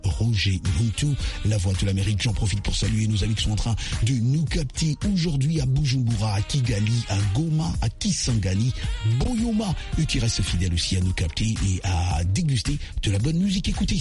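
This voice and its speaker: A man hosting a radio music show in the playful style of an airline captain, with exuberant, singsong delivery and drawn-out words. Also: mid-range voice, big pitch swings. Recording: music behind the voice.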